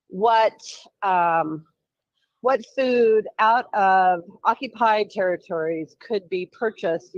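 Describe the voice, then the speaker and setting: A woman state legislator calling in over the phone to a radio talk show, explaining events in a brisk, wry and sarcastic way. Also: mid-range voice, no room sound. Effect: heard over the phone. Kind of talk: radio call-in interview. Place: travelling while calling in. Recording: dull phone-line sound, dry.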